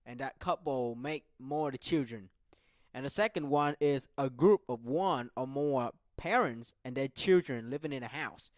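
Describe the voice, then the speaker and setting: Slow-explaining man, a bit high, dry sound. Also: dry recording. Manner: slow, repetitive, checks in with "right?". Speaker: talk show host. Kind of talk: solo explanatory talk.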